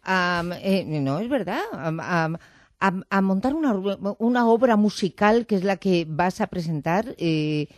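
A woman's voice: fairly low pitch, expressive, a little slow, no echo. A woman interviewing a guest in a studio, chatty and teasing. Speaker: radio interviewer. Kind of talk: casual interview.

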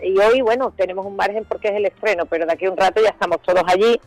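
A middle-aged woman from Seville with an Andalusian accent, an actress chatting as a guest in a lively, colloquial way, laughing often. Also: medium pitch, racing, no echo, low-quality recording. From Seville, Spain. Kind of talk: casual chat.

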